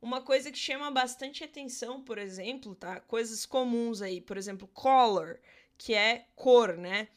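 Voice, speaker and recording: A woman's voice: on the high side, normal speed. A Brazilian woman teaching English in a casual podcast lesson, chatty, often checking in with her listeners and spelling words out letter by letter. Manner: chatty, checks in with tag questions.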